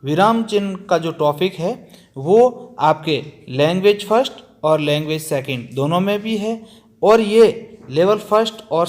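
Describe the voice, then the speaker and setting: A man teaching a grammar lesson for an exam, asking his students questions and answering them himself, stressing and repeating the key terms. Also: a little high.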